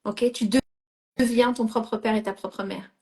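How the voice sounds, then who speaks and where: Woman coach, middle-aged, raised pitch; directive, frequent check-ins, code-switches into English. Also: steady tone, a little slow, darkish tone. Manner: mixes English phrases into French. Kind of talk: live coaching session.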